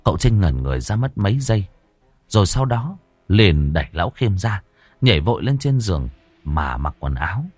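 A man's voice: low-pitched, sing-song, moderate pace, darkish tone, dry recording, soft background music. A man narrating a dramatic audiobook story.

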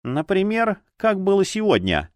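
A man's voice: sits high, huge pitch swings, moderate pace, no room sound, voice pushed up. A man voicing a grumpy, sarcastic older policewoman, a former chief, who grumbles and scolds. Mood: snapping.

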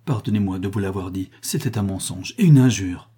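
A man's voice: low-pitched, lively intonation, a little fast, dark tone, husky. A man reading aloud, voicing an ardent young male lover who pleads earnestly. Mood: pleading.

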